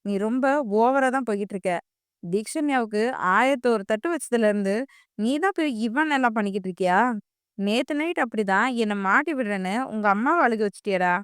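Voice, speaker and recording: A boastful middle-aged father with a short temper talks fast and forcefully, as a woman reads him in an audio story. The voice stays clear and dry. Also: mid-range voice, fairly even intonation, no echo, lightly acted. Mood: furious.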